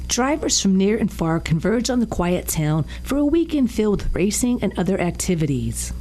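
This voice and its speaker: A woman's voice: on the low side, dark tone, rough recording. A woman reading scripted news narration as a reporter.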